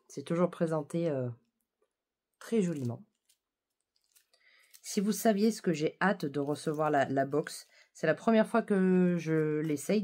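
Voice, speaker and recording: A woman's voice: deep voice, dark tone, breathy edge. A young French woman book vlogger chatting casually, with many fillers and restarts. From France. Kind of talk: casual chat.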